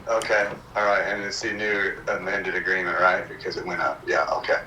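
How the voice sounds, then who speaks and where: A man heard over a speakerphone from the far end of a room, his fairly low voice bright and sharp-edged, ringing with echo. He talks in a hesitant, halting way, full of fillers and restarts. Faint noise sits under the call. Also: level tone. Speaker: project engineer consulted by phone. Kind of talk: answering questions at a county meeting. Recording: distant echoey speakerphone in meeting room.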